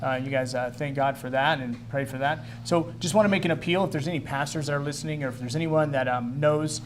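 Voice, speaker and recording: A man's voice: a little high, fast talker, a little hiss or hum. A man hosting a live ministry talk show in a chatty, easygoing way, joking with his crew. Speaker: host.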